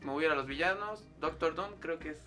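A man's voice: on the high side, fast talker, pushed and bright, faint music behind. A young man with a Mexican accent chatting casually, blunt and slangy, repeating his point. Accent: Mexican Spanish. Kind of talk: casual chat.

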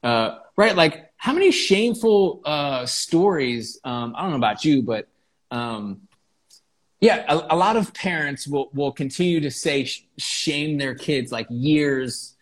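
A man's voice: a little high, expressive, a little slow. A man who is a podcast guest, explaining ideas in casual conversation, often checking in with "right?" and swearing casually.

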